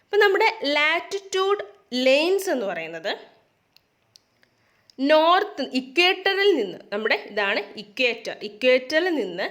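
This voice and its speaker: A woman's voice: high voice, big pitch swings, unhurried, a bit bright. A woman teacher explains a lesson, mixing in English terms and asking questions that she answers herself. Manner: mixes English terms into her speech.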